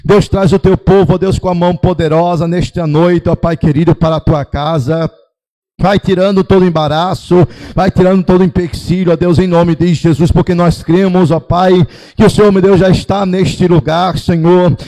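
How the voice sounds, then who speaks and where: A man leading a church service in prayer, building from calm greetings to impassioned pleading. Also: high-pitched, normal speed. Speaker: church leader opening the service. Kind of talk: fervent congregational prayer. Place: church sanctuary.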